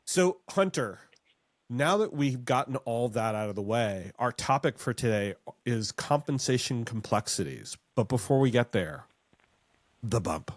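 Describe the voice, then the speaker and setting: A man's voice: medium pitch, lively intonation, no echo. Joking, chatty male podcast host. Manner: joking, chatty, quick asides. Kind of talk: casual chat.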